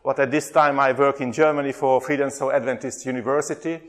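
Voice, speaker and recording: A middle-aged Hungarian-accented man, a theology lecturer, presents a workshop in a hesitant, chatty way, putting questions to the audience. He talks fast, with a medium pitch and a steady tone.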